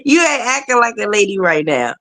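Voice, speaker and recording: A woman's voice: medium pitch, sing-song, a little fast, a bit bright. A woman in her forties hosting a casual live talk show, chatting, laughing often and greeting viewers as they join. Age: 40s. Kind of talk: casual chat.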